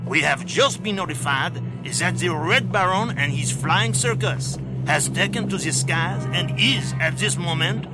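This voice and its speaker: A man's voice: high voice, measured pace, few pauses. A man voicing a correspondent at a wartime aerodrome, announcing an urgent bulletin with solemn emphasis. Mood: grave. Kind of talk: mock radio news report. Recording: loud music under the voice.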